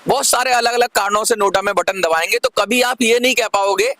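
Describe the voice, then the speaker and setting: A man speaks straight to his viewers in a high, gravelly voice, pressing his argument and repeating key points. His tone is bright and tense, and the sound is dry and close with no room around it. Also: brisk, no room sound. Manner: persuasive, asks viewers to comment. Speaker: channel host. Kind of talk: direct-to-camera commentary.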